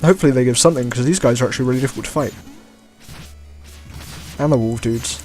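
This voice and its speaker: A man giving relaxed gameplay commentary as a let's play host, often chuckling and trailing off with shrugging asides. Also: medium pitch, quick pace. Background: faint game music.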